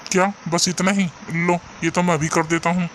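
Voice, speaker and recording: A man's voice: high voice, flat delivery, moderate pace, fairly bright tone, a little hiss or hum. A man voicing a poor young junk seller in a cartoon story, earnest and caring, sometimes despairing. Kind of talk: cartoon voice acting.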